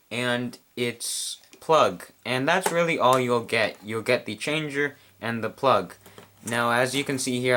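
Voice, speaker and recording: A man casually explaining how to set up a model train address changer, chewing gum as he talks in a quiet room. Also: medium pitch. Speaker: model train hobbyist reviewer. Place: quiet room at home with model track on a table.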